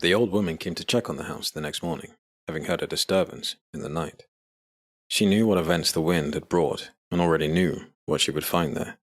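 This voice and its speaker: A man narrating a dark fantasy audio drama with measured, even storytelling. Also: deep voice. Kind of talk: scripted narration.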